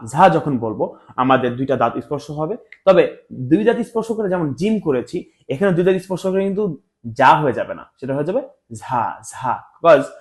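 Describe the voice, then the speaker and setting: A man teaching Arabic letter pronunciation in a lesson, repeating each letter slowly and mixing in English words. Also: on the high side. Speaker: Quran teacher.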